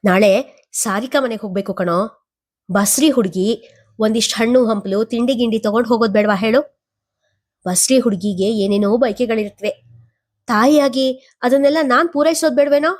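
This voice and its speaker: A woman's voice: fairly high pitch, a little fast, long pauses, natural voice. A woman voicing a manipulative middle-aged mother who guilt-trips her son for money. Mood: wheedling. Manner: wheedling, guilt-tripping.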